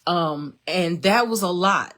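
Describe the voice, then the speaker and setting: A woman's voice: lowish voice, takes it slowly, fairly bright tone. A woman, speaking casually and emotionally with many fillers as she hosts her own live stream. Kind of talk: personal testimony, casual talk.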